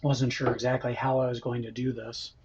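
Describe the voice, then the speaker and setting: A man's voice: mid-range voice, little pitch movement, fairly quick, darkish tone, husky. A man hosting a casual cooking livestream from his home kitchen, chatting and reading out viewer comments as he eats. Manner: chatty, reads out viewer comments, laughs often. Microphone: built-in camera microphone. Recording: dull lo-fi camera mic audio.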